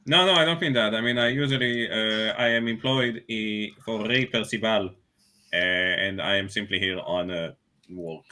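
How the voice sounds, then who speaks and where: Guy doing a skeptical sellsword boss, rpg session, sharp bright voice, hesitant but polite. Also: on the low side, steady tone, normal speed. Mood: dismissive, matter-of-fact. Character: reserved, skeptical male mercenary leader far from home. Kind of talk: in-character tabletop role-play.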